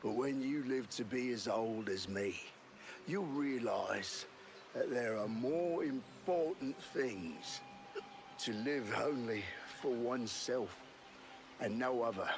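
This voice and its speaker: An actor playing a gruff, talkative old sea dog, like an aged fisherman musing on life, in a video game. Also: medium pitch, takes it slowly, background noise. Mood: impassioned, reflective. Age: older. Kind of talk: video game character acting. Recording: music playing behind the voice.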